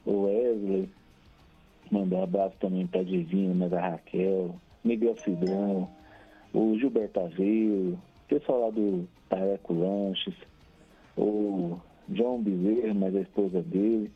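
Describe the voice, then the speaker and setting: A man's voice: low-pitched, steady tone, unhurried, slightly rough. A Brazilian man calling in to a radio show over a crackly phone line that keeps cutting out. He chats cheerfully, laughs often and reels off long lists of names. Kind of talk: casual chat and shout-outs on air. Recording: tinny phone line with faint music.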